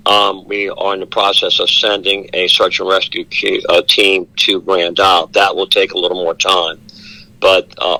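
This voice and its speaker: A man giving a steady live briefing as an emergency official, with many fillers, heard over a speakerphone held up to a studio microphone. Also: low-pitched, no echo, poor audio. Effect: speakerphone held up to the studio mic. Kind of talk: live radio phone briefing.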